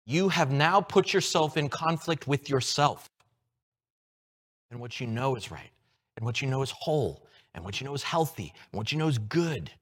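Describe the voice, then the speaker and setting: A man preaching a sermon, moving from hushed, low lines to loud, excited ones as he acts out everyday scenes. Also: moderate pace, slightly rough. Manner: animated, with props and shifts from hushed to loud. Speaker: pastor.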